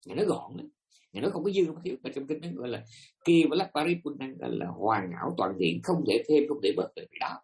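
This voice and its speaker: A man's voice: mid-range voice, sing-song, fast talker, a little mellow. A man giving a Buddhist dharma talk to listeners, emphatic and asking them rhetorical questions. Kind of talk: dharma talk to a live audience.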